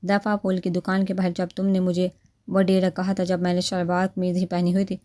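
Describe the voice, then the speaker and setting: A woman's voice: on the low side, monotone, warm tone, lightly acted. A woman reading the part of a playful young man who teases his wife, in a storybook reading. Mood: teasing. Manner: teasing, lightly joking.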